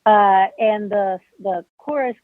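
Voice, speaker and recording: A woman's voice: medium pitch, takes it slowly, no echo. A woman from California calling in during public comment, wry and playful. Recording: tinny dry phone line.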